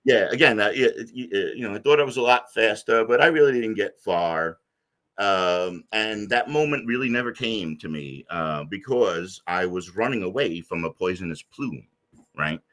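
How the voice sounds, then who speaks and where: A middle-aged man with a very deep, low voice and a bright, forceful edge. He tells his story in a loose, rambling way, full of fillers and restarts, as a guest in an interview. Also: lively intonation, normal speed.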